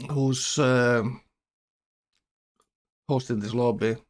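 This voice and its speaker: Speaking in a steady, mid-range voice, a man rambles through casual live-stream commentary on a game tournament. He halts often and sounds a little awkward, as if from a numb mouth.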